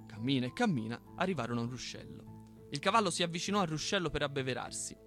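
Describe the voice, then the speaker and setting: A man hosting a radio show, reading a folk tale aloud in an expressive storytelling manner. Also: fairly high pitch, fast, faint music behind. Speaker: radio host. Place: radio studio.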